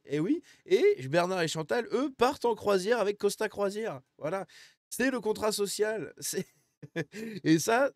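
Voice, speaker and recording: A man's voice: high-pitched, a little mellow, dry recording, clean studio sound. A man giving casual commentary on images he is showing, in crude slang with many fillers and joking asides. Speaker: video commentator.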